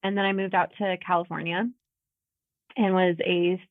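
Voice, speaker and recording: Woman, thirties, fairly low voice, chatty and laughing, tinny video-call sound. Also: level tone, moderate pace, no echo. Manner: chatty, laughs often, many fillers. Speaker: podcast guest. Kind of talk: casual conversational interview. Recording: tinny phone-like audio.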